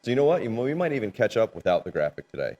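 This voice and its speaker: A man's voice: on the low side, very animated, rapid-fire, darkish tone, highs cut off. A man co-hosting a casual live-stream chat, teasing his partner and switching between bursts of hype and mumbled asides. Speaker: co-host.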